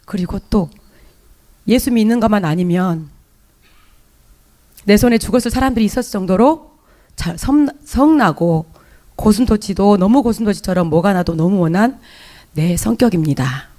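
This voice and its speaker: In church, a woman with a Jeolla Korean accent gives a personal testimony of faith to the congregation, emotional and confessional, with hesitant fillers and restarts. Her mid-range, dark voice is lively in intonation, moderately paced, and full of pauses.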